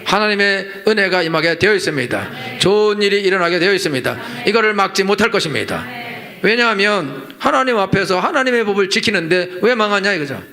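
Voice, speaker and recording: A middle-aged male pastor delivers a sermon in a high, bright voice with a gravelly edge. He drives his points home through repetition and rhetorical questions. The sound is that of a church sanctuary. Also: expressive, brisk. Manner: emphatic, rhetorical, repeats lines and acts out complaining voices. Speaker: senior pastor.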